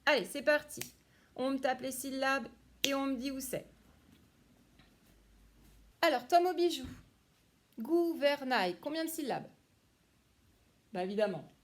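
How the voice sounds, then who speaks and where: Slow, encouraging woman teaching young kids. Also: high-pitched, slight background noise. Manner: encouraging, lively teacher tone, praises each child by name. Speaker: primary school teacher. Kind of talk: remote phonics lesson for young children.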